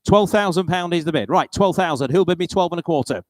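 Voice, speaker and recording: A British man working as an auctioneer, calling live bids and repeating the figures in a steady auction patter. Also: on the high side, quick pace, dry recording.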